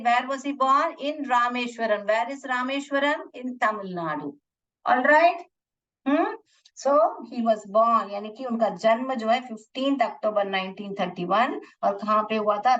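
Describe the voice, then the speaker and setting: A woman teacher with a somewhat high voice talks slowly and deliberately, spelling out words letter by letter and asking her pupils questions. She mixes Hindi and English as she teaches. She sounds far from the mic, with a muffled, dull recording. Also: a bit bright. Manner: repeats and spells words, asks the class questions. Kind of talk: classroom lesson explaining an English text.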